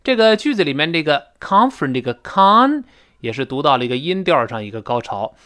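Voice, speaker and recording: A man's voice: fairly high pitch, big pitch swings, brisk, sharp tone, clean tone. A man teaching English pronunciation in a recorded audio lesson. He explains intonation and demonstrates the sounds as he goes.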